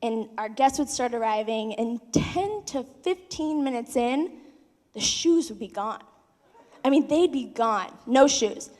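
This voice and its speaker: A maid of honor in her twenties tells stories in an informal wedding speech. She has a slightly high voice and leans on repetition and quoted dialogue, with the hall's long reverb around her. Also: unhurried. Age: 20s. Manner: animated retelling with acted-out quotes and emphatic repetition. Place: wedding reception hall.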